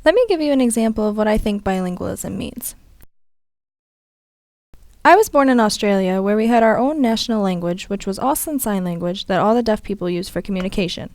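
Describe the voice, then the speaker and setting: A woman's voice: medium pitch, expressive, a little fast, a little mellow, dry recording. Young woman voicing an interpreted story. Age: young adult. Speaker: student interpreter. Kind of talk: interpreted first-person voiceover.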